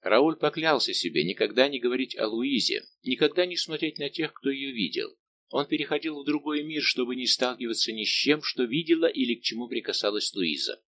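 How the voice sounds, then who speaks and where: Male audiobook narrator, steady reading. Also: mid-range voice, a little fast, slight background noise. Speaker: audiobook reader. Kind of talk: scripted narration.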